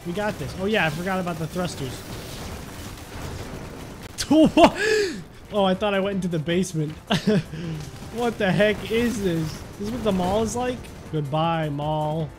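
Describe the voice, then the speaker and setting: A high-pitched, very animated young adult man comments on his gameplay for a gaming video, speaking a little slowly. He's playful and exclamatory, joking around in a mock-serious tone, with music running behind.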